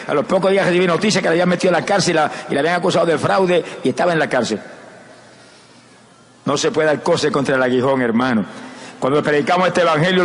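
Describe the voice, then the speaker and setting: A man with a Puerto Rican Spanish accent preaching an evangelistic sermon with fervor, moving from hushed sorrow to rising exclamations. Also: high voice, in a large hall, a little hiss or hum.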